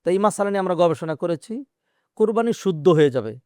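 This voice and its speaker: A man, an Islamic scholar answering questions in a measured, explaining way with hesitant fillers. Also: high voice, lively intonation, a little mellow, no echo, studio quality. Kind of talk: religious Q&A interview.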